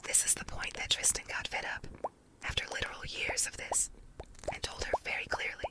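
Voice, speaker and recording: A woman reading a story aloud as ASMR in an unvoiced, breathy whisper, layered so that it sounds doubled, in measured phrases.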